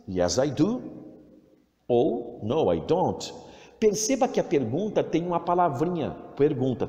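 A middle-aged man with a Brazilian Portuguese accent teaching a recorded English lesson to children, patient and encouraging. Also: medium pitch. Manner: patient, encouraging, reads English sentences slowly and loudly. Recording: roomy echo, long reverb.

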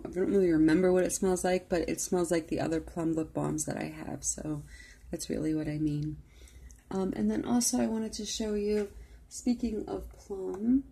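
Low gravelly-voiced woman chatting. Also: dark tone. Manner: chatty, rambling, lots of "um" and "like". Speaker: beauty vlogger. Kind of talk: casual product haul review.

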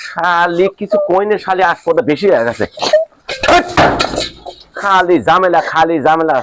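A man's voice: a little high, a little slow, very noisy, lightly acted. An actor playing a weary, henpecked village husband who grumbles about his wife in a comic short film. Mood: grumbling. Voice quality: grumbling, complaining.

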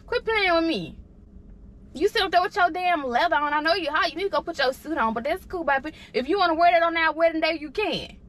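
A young woman, loudly and playfully insisting in a prank vlog. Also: very high voice, fast talker. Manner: loud, insistent, teasing. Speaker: vlogger, prank couple channel.

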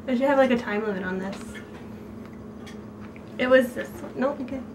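A woman's voice: on the high side, normal speed. A woman in her twenties chatting casually and playfully, with a teasing, competitive manner. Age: 20s. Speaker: challenge vlogger. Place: small room indoors. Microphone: camera a few feet away. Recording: roomy distant camera mic, faint background noise.

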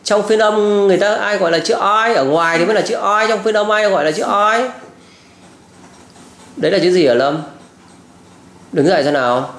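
A man's voice: high voice, moderate pace, pauses often, fairly bright tone, reverberant, a little hiss or hum. A man tutoring a child at home, firmly correcting and repeating model words. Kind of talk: pronunciation drill.

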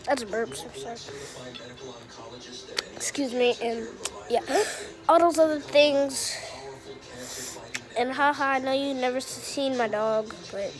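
A woman's voice: high-pitched, slow, long pauses. A woman chatting casually to the camera in a rambling, giggly way and talking to her dog. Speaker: video maker.

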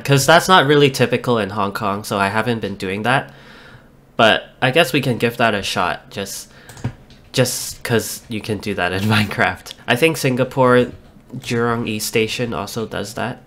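A man's voice: mid-range voice, normal speed, a bit bright. A man hosting a let's play, casually talking through the changes he made to his build, step by step. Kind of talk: casual gameplay commentary.

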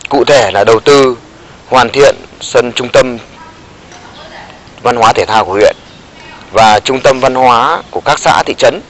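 A man speaks in a mid-pitched voice, stringing together formal official phrases with pauses and hesitant restarts. Faint ambient noise sits behind him. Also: a bit bright, low-quality recording. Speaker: local official interviewed. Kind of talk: unscripted interview statement.

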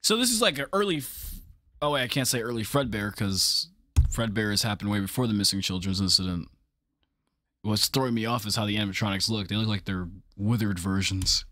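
A man's voice: lowish voice, fairly quick, fairly bright tone. A young man hosting a reaction video in a gaming room on a headset, talking casually and exclaiming and swearing at jump scares.

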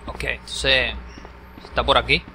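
A man giving let's play commentary on a game he is playing. He is excitable, swearing and yelping whenever the game attacks him. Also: mid-range voice, unhurried, slight background noise. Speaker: gameplay commentator. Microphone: home voice recording over game capture. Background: game music.

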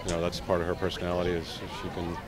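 A middle-aged man, a head coach, giving a measured post-game interview full of pauses and fillers. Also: deep voice, monotone. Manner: measured, frequent "uh" and "you know". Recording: loud outdoor stadium crowd and noise.

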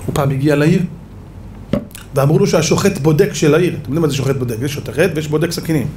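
Animated rabbi preaching a sermon. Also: male voice, on the high side, a little hiss or hum. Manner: animated, rhetorical, repeats words for emphasis. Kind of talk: sermon with storytelling.

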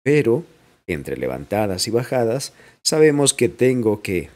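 A man's voice: medium pitch, sing-song, a little slow, a little mellow. Chatty man teaching audio recording. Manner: chatty, asks listeners questions, laughs often. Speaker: audio editing instructor. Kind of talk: casual screen-recorded tutorial. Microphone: studio microphone at close range.

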